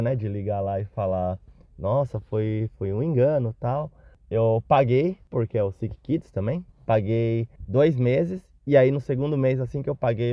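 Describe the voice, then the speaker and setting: A man's voice: mid-range voice, dry recording, lo-fi sound. Man telling a funny anecdote. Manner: self-deprecating, animated retelling. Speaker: listener telling a story. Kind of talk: recorded anecdote, casual storytelling.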